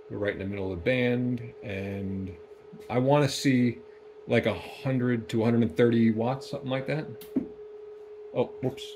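A man's voice: mid-range voice, dark tone, slight background noise. A man casually demonstrating equipment in a small workshop, plain-spoken with frequent ums, speaking off camera. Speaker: amplifier builder demonstrating equipment.

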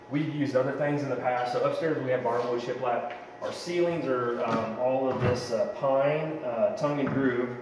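A home renovation vlogger in his thirties, with a mid-range, darkish voice, chats and rambles his way through a DIY woodworking project in a large unfinished basement. He's picked up off-mic by a camera-mounted mic a few steps away, so the roomy basement echoes and there's slight background noise.

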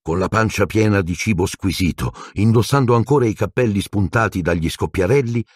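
Deep husky male audiobook narrator. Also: brisk, no echo, clean studio sound. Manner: expressive storytelling, lively intonation.

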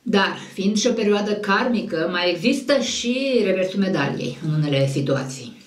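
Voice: mid-range voice, lively intonation, reverberant, recorded from a distance. An astrologer giving a monthly horoscope in a conversational, digressive way that often corrects itself.

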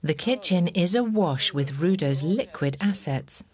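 A woman with a low voice reads scripted documentary narration. She keeps it measured, with a wry edge. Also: lively intonation, slight background noise.

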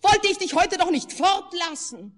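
A tearful old peasant wife, as a woman puts her on in a fairy-tale reading. Her voice rides high and swings widely as she pours out indignant complaint. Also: sing-song, in a large hall. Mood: lamenting. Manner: wailing and indignant, rushing in complaint.

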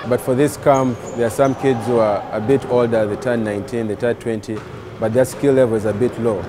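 A man's voice: mid-range voice, fairly even intonation, a little fast, crowd noise, noisy background. A man, a basketball coach, talking earnestly in a documentary interview about teaching young players.

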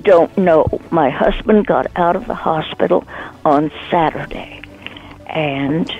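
A woman's voice: sits low, takes it slowly, gravelly, faint music behind. An older woman on a phone call, confused at first, then laughing and playing along. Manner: bewildered, laughs easily. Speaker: prank call target. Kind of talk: phone conversation. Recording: muffled phone line.

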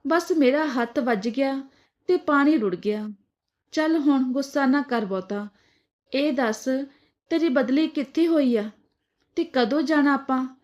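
A woman reading as a gentle elderly mother. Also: sits high, measured pace. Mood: pleading. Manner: soft, placating. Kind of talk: storybook dialogue reading.

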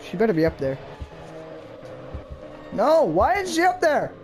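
A man's voice: sits high, wildly swooping pitch, unhurried, a little mellow. Jumpy male gamer, casual chatter, game music underneath. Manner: jumpy and complaining, easily startled. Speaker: gamer playing a horror game. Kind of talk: casual let's-play chat.

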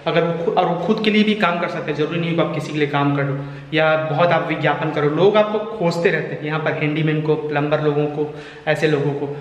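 A man's voice: on the high side, steady tone, fast. A man in his thirties, talking earnestly to a camera held at arm's length as a vlogger, explaining at length. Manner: earnest, explaining, repeats points. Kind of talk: casual vlog talk to camera. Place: bare house interior and outdoors. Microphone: handheld camera at arm's length. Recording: echoey empty room with faint noise.

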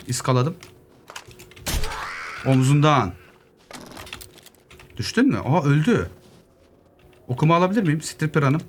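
Lively young man narrating gameplay. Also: fairly high pitch. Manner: lively, joking asides to zombies, muttering while looting. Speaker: gaming YouTuber. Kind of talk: casual solo gameplay commentary. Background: keyboard clicks, faint noise.

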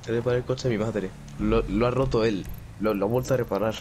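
Low-voiced young man, rambling. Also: fairly even intonation, fast, a little mellow. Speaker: podcast co-host. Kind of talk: casual chat while gaming. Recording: noisy background.

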